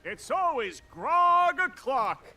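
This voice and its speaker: A man's voice: extremely high pitch, sing-song, takes it slowly, bright, forceful tone, full character voice. An actor playing a salty, cheeky pirate townsman in a video game, gossiping in a theatrical, folksy, wry way. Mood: wry, helpful. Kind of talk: video game character dialogue.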